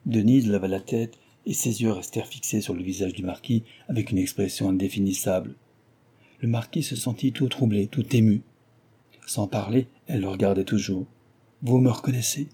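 A male audiobook narrator reading a classic novel in a measured, expressive way. His voice is low and very dark, with a husky, slightly breathy grain. The delivery stays even and storytelling-paced.

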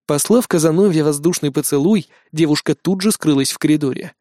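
A reader narrating a story in a brisk, wry manner. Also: medium pitch, warm tone, no echo, clean studio sound.

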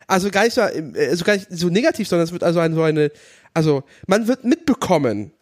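A man's voice: on the high side, big pitch swings, fast talker. A man in casual chat as a podcast co-host, with a teasing way of talking.

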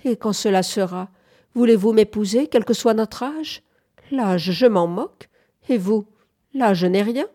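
A woman reading the part of a young farmhand who presses his proposal in a tender, quick, insistent way. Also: medium pitch, mellow, voice pushed up, close to an everyday voice. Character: young farmhand man, softly insistent suitor.

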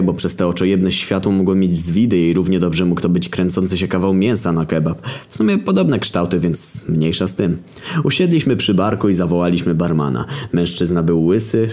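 A man's voice: low voice, darkish tone. A man narrating a crude, mocking comic story, jumping into voices for the characters.

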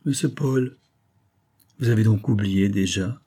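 A man voicing a gentle, mysterious young woman in an audiobook, speaking softly, sadly and with quiet command. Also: lowish voice, unhurried, husky. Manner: soft, sad and commanding. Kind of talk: audiobook reading.

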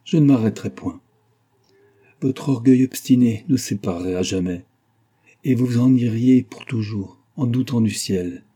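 Guy reading as a lady begging her proud lover, husky low voice, earnest and pleading. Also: dark tone. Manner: impassioned, pleading. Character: passionate wealthy lady pleading her love. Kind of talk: audiobook reading of a novel.

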